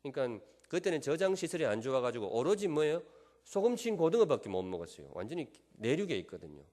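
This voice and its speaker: A man's voice: medium pitch, a little mellow. A middle-aged man from Gyeongsang Province, a pastor with a Gyeongsang accent, preaching a sermon and teasing the congregation with questions and jokes. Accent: Gyeongsang Korean. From Gyeongsan, Gyeongsang Province, South Korea. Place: large church sanctuary. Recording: long church hall reverb.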